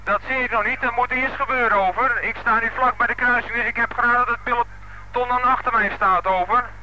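A man's voice: very high-pitched, fairly even intonation, a little fast, pushed and bright. A man, a police unit commander, speaking over a walkie-talkie in clipped radio procedure, closing turns with "over". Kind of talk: two-way radio traffic. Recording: crackly archival radio transmission.

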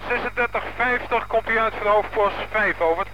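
A man's voice: high-pitched, brisk, muffled recording. A man at a police command post, giving orders over a walkie-talkie in clipped radio procedure, closing with "over". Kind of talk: two-way radio traffic. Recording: crackly archival radio transmission.

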